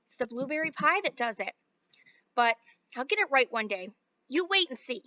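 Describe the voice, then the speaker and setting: An eccentric male inventor speaks mildly with sighs, in a bright, lively voice, as a woman reader puts him on. The recording is dry and a little muffled. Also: high-pitched, moderate pace, no room sound, exaggerated voice. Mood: weary. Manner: sighing, mild and matter-of-fact.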